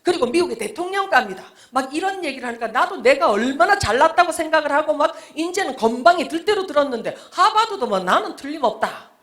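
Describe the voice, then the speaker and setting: A woman speaking as a guest author, giving a testimony talk to a church audience. Her storytelling is emotional, dropping to hushed whispers and rising to loud exclamations, and she acts out her own past words. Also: high voice.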